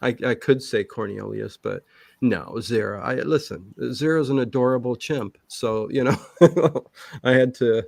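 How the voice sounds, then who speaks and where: Being interviewed, a livestream channel host chats casually, rambling and emphatic, often restarting sentences halfway through. His medium-pitched voice is unhurried, gravelly, and darkish in tone, with no echo.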